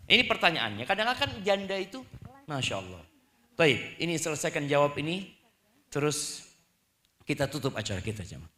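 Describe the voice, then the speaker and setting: Bright-voiced animated male preacher. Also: high voice. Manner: animated, acts out wives and husbands in quick asides. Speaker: Islamic preacher. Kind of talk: sermon answering audience questions.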